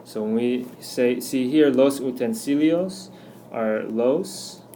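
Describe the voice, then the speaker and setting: A man teaching a recorded grammar lesson, walking through slide examples patiently and slowing down to spell out each one. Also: medium pitch, warm tone, slight background noise. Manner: patient, explanatory, slows down on examples. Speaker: Spanish teacher.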